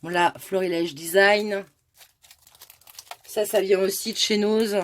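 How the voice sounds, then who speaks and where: A woman's voice: medium pitch, steady tone, slow pace. A woman hosting a casual craft tutorial, explaining step by step in a chatty way with many asides. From France.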